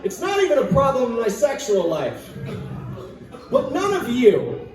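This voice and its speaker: High-voiced man doing stand-up in an echoey pub. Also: huge pitch swings, unhurried, soft background music. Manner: self-deprecating, shouted punchlines. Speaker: stand-up comedian. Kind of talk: stand-up comedy set. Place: live venue in a pub. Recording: echoey room from far off. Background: audience laughing.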